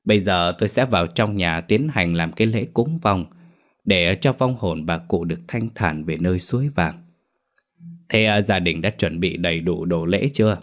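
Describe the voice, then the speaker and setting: A smug old village shaman in a ghost story, pompous and drawling, pausing on little ums as he pronounces doom, put on by a male narrator. His voice sits very low and deep. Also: close to an everyday voice. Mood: portentous. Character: sly self-important old male shaman. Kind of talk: storybook character voice.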